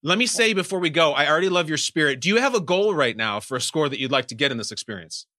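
A man's voice: fairly high pitch, lively intonation, quick pace, bright, forceful tone, no room sound, studio quality. A man hosting a podcast quiz with emphatic, mock-dramatic showman banter. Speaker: podcast game show host. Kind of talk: high-energy game show hosting banter.

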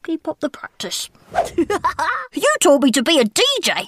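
A woman's voice: high-pitched, expressive, normal speed, background noise. A woman voicing a cheeky, bossy, boastful schoolboy who giggles a lot.

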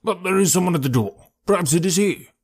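A man's voice: sits high, quick pace, slightly rough, pitched above the performer's own voice. Man doing a hearty, pompous police inspector. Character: blustering self-satisfied male police inspector. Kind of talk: audiobook character reading.

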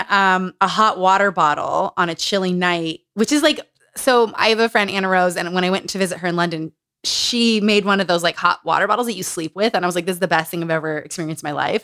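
A woman hosting a podcast, recapping a memoir in lively casual chat, laughing, swearing and acting out quotes. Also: medium pitch, smooth, no echo, studio quality. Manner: animated, laughing, swearing, quotes with dramatic flair. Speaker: podcast host.

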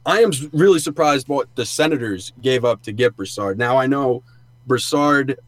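Male podcast co-host, mid-pitched voice, dry studio booth sound, casual sports analysis, explanatory. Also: animated, normal speed, no room sound. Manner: informal, explanatory.

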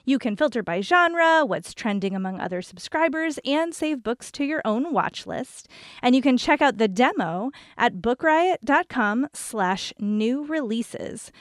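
A woman's voice: sits high, expressive, measured pace, no echo, studio quality. A woman announcer giving a scripted promotional read.

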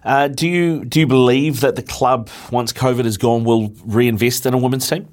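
A male sports radio host with a medium-pitched voice. He links segments and puts questions informally, often feeling his way through a phrase. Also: fairly even intonation, moderate pace, darkish tone. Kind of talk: casual sports talk radio.

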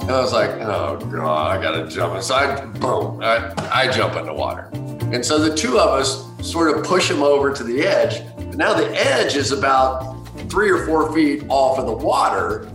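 A man telling anecdotes in an interview, animated and acting out what others said. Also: medium pitch, moderate pace, roomy sound, music in the background. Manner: animated, acts out others' lines. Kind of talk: anecdotal storytelling.

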